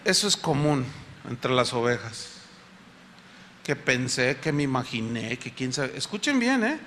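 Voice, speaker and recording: A pastor preaching a sermon, telling stories and acting out what people said. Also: male voice, mid-range voice, big pitch swings, a little slow, fairly bright tone, a little hiss or hum. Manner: storytelling, acts out quotes. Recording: echoey hall.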